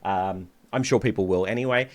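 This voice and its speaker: A man's voice: fairly low pitch, fairly quick. A man working as a vocal coach, chatting through a music reaction and breaking down the harmonies as he listens.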